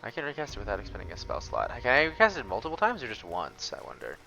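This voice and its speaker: Bright, animated male gaming commentator. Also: on the low side, fast talker, vocal fry, soft background music. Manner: thinks aloud, reacts expressively. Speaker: gaming streamer. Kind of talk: casual let's play commentary.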